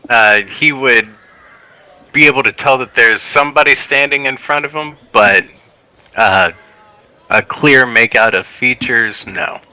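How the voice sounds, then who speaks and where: A man's voice: mid-range voice, unhurried, bright, forceful tone, dry recording, poor audio. A man running a tabletop game as dungeon master on a voice call, talking hesitantly with many fillers.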